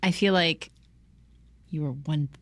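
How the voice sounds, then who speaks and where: Female podcast talker: low register, dry sound, casual, earnest, emphatic, sweary. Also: slow pace, no echo. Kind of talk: casual chat.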